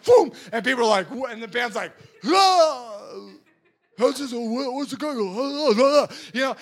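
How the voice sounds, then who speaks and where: Bright-voiced young male preacher. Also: high-pitched. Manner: animated, acts out silly voices and laughs. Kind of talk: energetic sermon.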